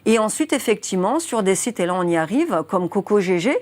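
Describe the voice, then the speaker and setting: Her medium-pitched voice has a darkish tone, lively intonation and a fairly quick pace. The woman, a twenty-something journalist guest, earnestly walks through a criminal case, weighing her words and using many fillers.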